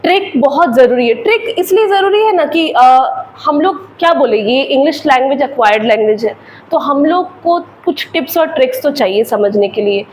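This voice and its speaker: A woman's voice: sits high, lively intonation, normal speed, a little mellow, slight background noise, low-quality recording. A woman English teacher with an Indian accent, explaining grammar in a patient classroom lecture with repeated examples.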